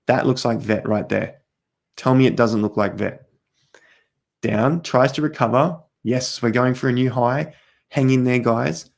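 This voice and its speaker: A man hosting a casual crypto livestream, talking straight to viewers as he walks through charts, his voice going hoarse with coughs. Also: medium pitch. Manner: chatty, talks straight to viewers while walking through charts. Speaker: crypto market host.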